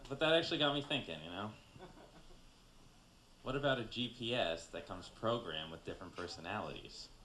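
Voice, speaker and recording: A man's voice: on the low side, expressive, brisk, bright, forceful tone, slight background noise. A man performing a self-mocking stand-up comedy set in a club. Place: comedy club in New York City. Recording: echoey club room.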